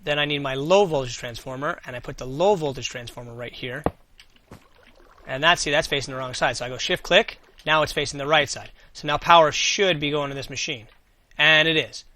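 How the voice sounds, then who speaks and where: A man's voice: on the high side, fairly quick, bright, forceful tone, a little hiss or hum. A man giving casual gameplay commentary as host, thinking aloud and answering his own questions as he goes. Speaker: gaming video host.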